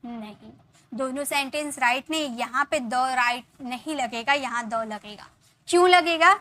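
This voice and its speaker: Female English teacher, high-pitched and bright, patient explainer who drills slow example sentences. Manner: explains slowly, repeats examples, asks viewers questions. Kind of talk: Hindi-English spoken grammar lesson.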